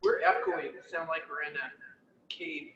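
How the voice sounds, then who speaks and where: A woman at a team meeting, lively and upbeat, prompting others to join in, her voice echoing like it is in a cave. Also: low voice, a little slow, a crowd in the background. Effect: cave-like echo on the call. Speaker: office team member. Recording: echoey, distant, dull and noisy.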